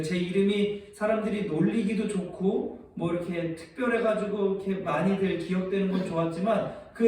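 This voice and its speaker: A man's voice: sits high, darkish tone. A man preaching a sermon, often putting rhetorical questions to his listeners. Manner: asks the congregation rhetorical questions. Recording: very echoey, from far off the mic.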